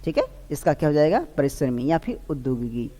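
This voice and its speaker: Man, vocabulary teacher, mellow dark tone, repeats questions and answers, long hall reverb. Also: fairly high pitch, very animated, a little fast. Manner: quizzes himself aloud and repeats each answer. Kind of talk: online exam-prep lesson.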